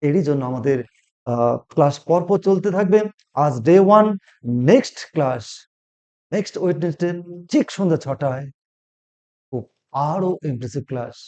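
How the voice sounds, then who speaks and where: A man's voice: a little high, animated, moderate pace, pauses often, dark tone, highs cut off. A male spoken English teacher who speaks Bengali as his first language, giving a pronunciation lesson and repeating each word while quizzing the listener. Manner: repeats words and quizzes the viewer.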